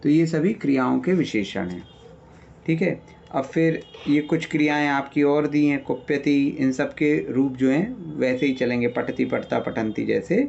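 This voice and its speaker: A man's voice: mid-range voice, moderate pace, vocal fry, a little mellow, dull audio, slight background noise. A man teaching an online grammar class, patiently explaining and listing word meanings, often checking in with his students. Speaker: Sanskrit teacher. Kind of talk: online class revision lecture.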